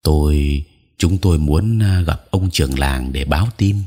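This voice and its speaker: A man's voice: very deep voice, measured pace, dark tone, slightly rough, heavily acted. A man voicing a hesitant young village man who stammers and restarts his sentences in an audiobook.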